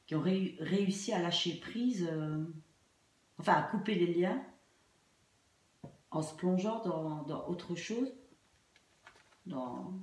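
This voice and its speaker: A woman's voice: fairly low pitch, expressive, slow, pauses often, darkish tone. A woman with a throat infection giving an informal tarot reading to online viewers, hesitant, trailing off and repeating her phrases. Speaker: tarot card reader. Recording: echoey room, faint noise and clicks.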